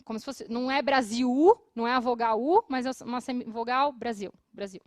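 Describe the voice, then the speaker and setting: Brazilian woman English teacher, high voice, patient classroom explainer, dry close sound. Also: a little mellow, no room sound. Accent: Brazilian Portuguese. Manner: explanatory, repeats English phrases slowly for students; laughs often between phrases. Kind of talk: televised classroom lesson. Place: studio.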